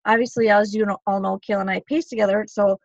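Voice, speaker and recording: A woman's voice: mid-range voice, steady tone, quick pace, no room sound. A woman and mother of four, co-leading a meeting in a rambling, casual way, correcting herself and swearing offhand. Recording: dull lo-fi call audio.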